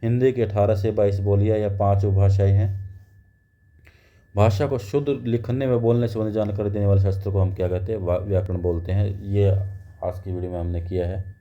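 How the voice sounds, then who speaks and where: A man teaching a grammar lesson in a low, dark, mellow voice. He explains step by step, posing questions and answering them himself. The recording is dull and lo-fi. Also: steady tone, a little fast. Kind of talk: grammar lecture.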